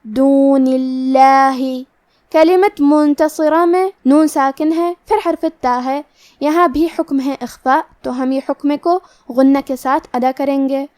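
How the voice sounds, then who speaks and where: A woman with a Pakistani Urdu accent teaching Quran recitation rules methodically, then reciting each word slowly. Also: sits high, a little mellow. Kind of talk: tajweed lesson with slow recitation.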